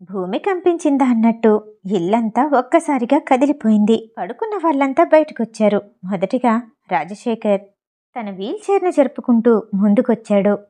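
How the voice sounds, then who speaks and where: Warm-voiced woman narrating a novel. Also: fairly high pitch, normal speed. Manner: steady storytelling delivery. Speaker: audiobook narrator.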